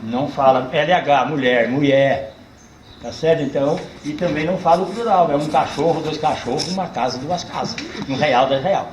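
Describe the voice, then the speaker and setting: An older man with a caipira accent from the São Paulo countryside, a cordel poet chatting casually with a tour group in a folksy, animated way, drawing words out for emphasis. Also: fairly high pitch, a little fast, few pauses, roomy sound, slight background noise, low-quality recording. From Brazil.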